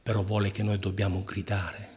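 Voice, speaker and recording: A man preaching a sermon to his congregation, emphatic, with repeated rhetorical questions and swings between loud and hushed delivery. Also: sits low, monotone, brisk.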